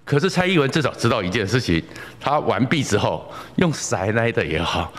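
Man, political commentary host, emphatic, lecturing, lively pitch, reverberant room. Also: a little fast.

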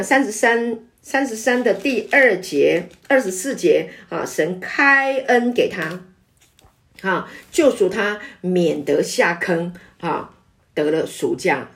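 A middle-aged woman pastor giving an animated sermon, often ending her phrases with a drawn-out "ah". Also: medium pitch. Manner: animated preaching with frequent filler "啊".

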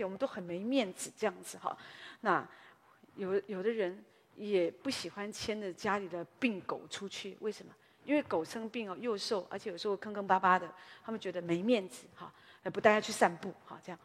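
A woman's voice: medium pitch, long reverb tail. A woman pastor, preaching a sermon in a conversational storytelling way, often tagging her sentences with small particles.

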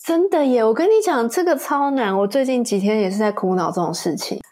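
A woman's voice: a little high, animated, brisk, warm tone. A woman hosting a podcast in casual chat, agreeing with her guest and finishing her thoughts. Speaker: podcast host.

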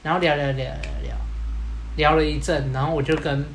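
A man's voice: on the high side, fairly even intonation, brisk, a little hiss or hum. A man with a Taiwanese Mandarin accent telling a story in casual podcast chat, chatty with hesitant fillers. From Taiwan, Kaohsiung. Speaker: podcast host.

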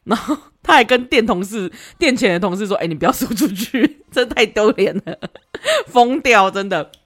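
Woman podcast host, chatty storyteller, very expressive pitch. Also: moderate pace. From Taiwan. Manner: animated, laughs often while retelling. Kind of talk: casual storytelling.

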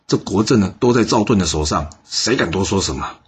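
A man's voice: deep voice, lively intonation, fairly quick, slightly rough, full character voice. A man voicing an overconfident envoy who brushes off a warning, in an audio story. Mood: breezy. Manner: breezy, dismissive.

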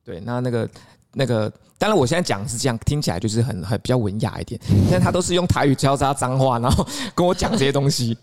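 Fast-talking Taiwanese man telling a story. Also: mid-range voice, expressive, darkish tone. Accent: Taiwanese Mandarin. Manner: chatty, laughs while telling the story. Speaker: podcast co-host. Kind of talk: casual chat, storytelling.

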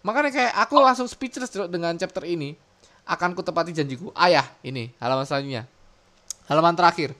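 A man's voice: fairly high pitch, fairly quick. A man hosting a casual podcast. He reads comic panels aloud, gets worked up and swears a lot. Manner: excitable, swears often, slips into dramatic readings. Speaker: podcast host.

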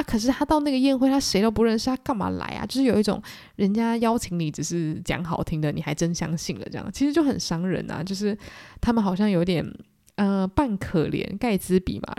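A young woman with a Taiwanese Mandarin accent, hosting a solo book-club podcast and retelling a story in a chatty way, often putting on animated voices. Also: mid-range voice, no echo, clean studio sound. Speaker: podcast host.

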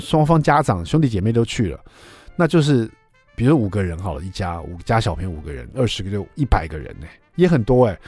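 A middle-aged man, telling a story on his radio show. He talks quickly and his pitch swings widely as he acts out the back-and-forth. His voice is dry and close to the mic, with faint music underneath. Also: dry recording. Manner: chatty, acts out dialogue with lively voices. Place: radio studio.

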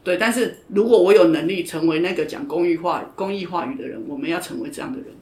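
A woman's voice: lowish voice, quick pace, a little mellow. Woman coach, blunt and emphatic, recorded in a roomy space. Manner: frank, emphatic, often repeats herself. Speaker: judo coach and podcast guest. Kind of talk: casual interview chat. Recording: roomy echo.

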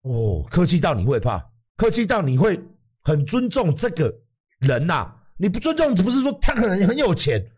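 A man's voice: sits high, huge pitch swings, moderate pace, a little mellow, breathy edge. A man with a Taiwanese Mandarin accent, hosting a livestream and talking bluntly to his viewers, swearing freely and acting out other people's lines. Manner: blunt, emphatic, swears freely, acts out quotes. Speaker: livestream host.

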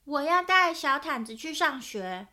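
一位女性为一只倔强又爱玩的小男孩老鼠配音，声音高而有弹性。. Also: female voice, expressive, slow, pushed and bright, full character voice. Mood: pleased. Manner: high, bouncy child voice. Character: little boy mouse, stubborn and playful.

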